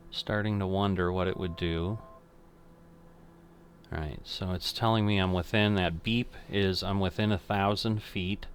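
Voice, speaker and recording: An older man streams a flight simulator game, chatting casually as he thinks aloud and corrects himself along the way. His voice sits low, with a little background noise.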